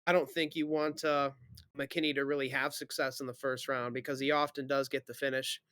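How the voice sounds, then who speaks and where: A man's voice: medium pitch, flat delivery, fairly quick, a bit bright, clean tone, no echo, studio quality. A man thinking aloud through fight predictions in casual chat, hedging and correcting himself.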